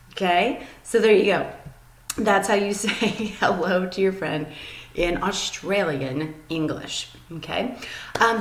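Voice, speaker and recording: A woman teacher giving an upbeat, chatty daily video lesson to young students, with many ums. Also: mid-range voice. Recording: echoey room.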